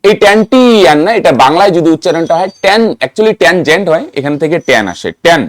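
A man's voice: a little high, lively intonation, fast talker, dry recording. A man teaching a math lesson, asking students questions, answering them himself and chanting terms to help memory. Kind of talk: classroom-style lesson to students.

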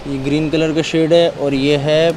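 A man's voice: fairly high pitch, level tone, measured pace, background noise. A man hosting a shop-tour vlog, chatty and constantly affirming, recorded on a handheld camera in a fabric warehouse. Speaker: vlog host. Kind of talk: casual shop-tour commentary.

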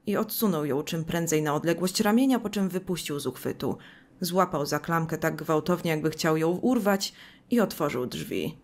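A woman's voice: low-pitched, normal speed. A woman narrating a scripted video essay, reading book passages aloud with dry, sarcastic commentary.

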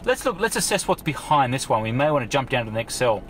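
A man's voice: medium pitch, sing-song, quick pace. Storm-chasing man in very noisy vehicle. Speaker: storm chaser. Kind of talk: casual in-car chat while storm chasing.

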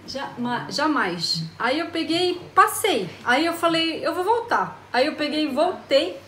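A woman's voice: high voice, measured pace, roomy sound. A woman with a Brazilian accent animatedly telling a personal story in casual chat, acting out the dialogue. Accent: Brazilian Portuguese. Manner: animated, acts out dialogue, laughs often. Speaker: storyteller guest. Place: home in Japan.

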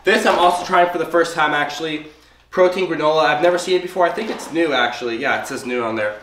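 A man's voice: a little high, fast talker, a bit bright. Congested young man vlogging casually. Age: young adult. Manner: chatty, upbeat, explains item by item. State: congested, sick. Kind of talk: casual grocery haul vlog. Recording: roomy, distant, noisy home recording.

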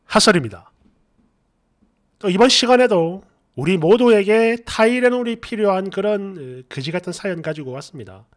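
Man, middle-aged, story channel host, sarcastic commentary, animated pitch, desk mic, small room. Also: normal speed. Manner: lively, sarcastic reactions to comments. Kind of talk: reading viewer stories aloud with commentary.

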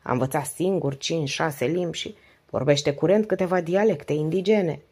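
A woman voices a 48-year-old wife who is devoted, weary and talkative, confiding in long, flowing speech. Her voice sits low and sounds a little mellow and slightly rough.

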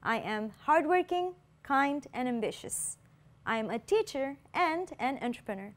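A Canadian woman in her twenties models English pronunciation for schoolchildren in a televised lesson. She speaks extremely slowly and deliberately, with a slightly high voice. Each word comes out plainly for students to copy. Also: expressive. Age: 20s. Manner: very slow, deliberate drill pronunciation. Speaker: English teacher.

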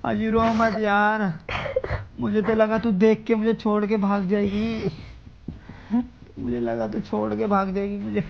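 A man's voice: high-pitched, flat delivery, measured pace, vocal fry. Young man, prank host, coaxing and pleading tone, dull lo-fi audio with faint hiss. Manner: pleading and soothing, repeats pet names. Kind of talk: staged prank conversation.

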